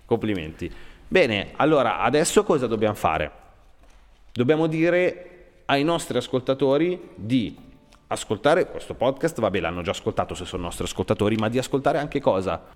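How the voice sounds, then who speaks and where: Brief: adult male host guiding children through a school podcast, encouraging and questioning, mid-pitched, room with long reverb. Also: animated, normal speed. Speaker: radio host leading a school podcast session. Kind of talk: friendly coaching chat with children. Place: school room set up for recording. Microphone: studio microphone with headphones.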